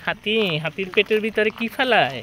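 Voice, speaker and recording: A woman with a Bangladeshi Bengali accent, a mother chatting casually and asking a small child gentle questions outdoors at a park. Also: medium pitch, expressive, fairly quick, rough recording. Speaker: vlogger and mother. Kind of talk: casual family chat. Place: outdoors at a busy safari park. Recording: outdoor crowd noise behind.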